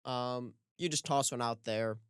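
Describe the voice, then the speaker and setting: A man co-hosting a casual sports podcast, easygoing and quick to laugh, often pausing on "um". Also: medium pitch, clear, resonant tone, dry recording, studio quality. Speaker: podcast co-host.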